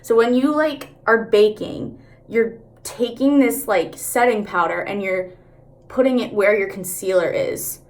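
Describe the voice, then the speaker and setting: A woman's voice: medium pitch, measured pace, a little mellow. A woman chatting casually through a makeup tutorial, candid, slangy and sweary, talking out of the side of her mouth.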